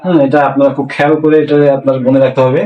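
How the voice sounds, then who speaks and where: A man's voice: medium pitch, fairly even intonation, muffled recording. Man teaching, echoey and a bit distant. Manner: asks rhetorical questions and repeats words slowly for learners. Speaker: Korean language teacher. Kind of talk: classroom-style language lesson. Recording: echoey room, voice a bit far from mic.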